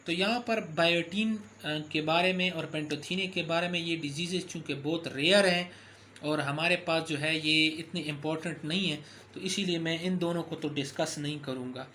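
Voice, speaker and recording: A man's voice: a little high, fairly even intonation, normal speed, pushed and bright, a little hiss or hum. A man giving a recorded medical lecture, explaining step by step with frequent fillers and self-corrections.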